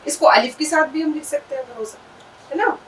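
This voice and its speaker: A woman's voice: sits high, sing-song, brisk, a bit bright, far from the mic, a little hiss or hum, low-quality recording. A woman teaching an Urdu lesson, patiently sounding out letters and words and checking in with her listeners. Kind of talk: language lesson.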